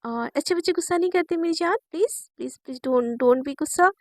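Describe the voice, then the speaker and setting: A woman's voice: extremely high pitch, brisk, no room sound, studio quality. A woman voicing a timid, anxious young wife who stammers and pleads, repeating her words. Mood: pleading, stammering.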